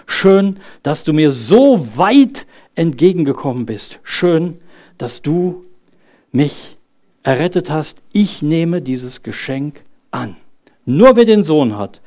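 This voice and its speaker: In a church service, a man in his thirties delivers a sermon in an earnest, conversational manner, questioning the congregation and leading them in prayer. His voice sits a little high and sounds slightly mellow, with an animated yet slow delivery.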